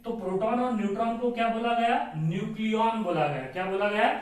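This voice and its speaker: A man teaching a chemistry lecture, who asks his students questions, answers them himself and repeats the key terms. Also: sits high. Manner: mixes in slow, drawn-out English phrases. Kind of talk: classroom lecture. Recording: echoey room, voice from far off.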